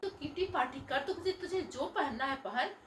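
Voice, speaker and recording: A woman acting as a pleading, moralizing middle-aged mother who lectures her grown daughter about right and wrong. Her voice sits high, and the room around her is roomy, heard from a little way off the mic. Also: lively intonation, normal speed, a bit bright, a little hiss or hum. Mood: pleading, reproachful. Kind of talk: home family drama acting. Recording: roomy echo, voice from a distance.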